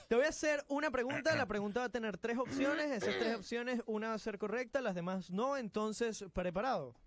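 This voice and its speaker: A man's voice: extremely high pitch, moderate pace, fairly bright tone, no room sound. A Venezuelan man co-hosting a radio show, running a quiz game with playful enthusiasm. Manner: enthusiastic, hypes up the contestant.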